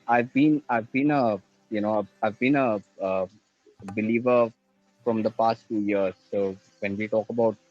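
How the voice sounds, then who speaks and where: A man from India, calling in with questions, halting and restarting as he searches for words. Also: fairly low pitch, a little mellow. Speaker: caller. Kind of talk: call-in question to a religious show. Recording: dull lo-fi call line.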